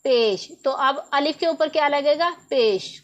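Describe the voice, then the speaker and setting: A woman with a high, slightly slow voice teaches a Quran reading lesson step by step. She patiently repeats each rule and poses questions, then answers them herself.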